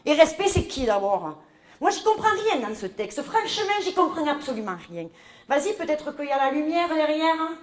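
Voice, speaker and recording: A woman's voice: sits high, very animated, brisk. A woman playing a talkative middle-aged mother from the south of France with a southern French accent, rambling and indignant in a live comedy sketch. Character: chatty southern French mother, newcomer, scheming. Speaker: comic stage character. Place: large echoey hall. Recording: roomy live hall sound.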